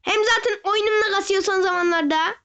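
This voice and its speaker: A young gaming host giving excited gameplay commentary, often shouting and wailing as he talks straight to his viewers. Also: extremely high pitch, a little fast. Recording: dull lo-fi recording.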